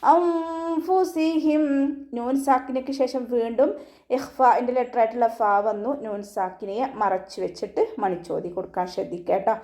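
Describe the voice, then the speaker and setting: Patient female tajweed teacher, higher-pitched voice, calm instructive delivery. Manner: patient step-by-step instruction, ends lines with "kettō"; slow drawn-out chanted recitation of verses. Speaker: Quran recitation teacher. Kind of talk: tajweed lesson, explaining and reciting.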